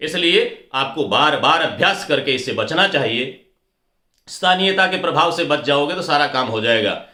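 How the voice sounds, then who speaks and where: A middle-aged man teaches pronunciation in a lecture, repeating words to set right against wrong. His voice sits a bit high and sounds bright and forceful. The room is echoey. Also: lively intonation, moderate pace. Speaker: teacher of stage anchoring.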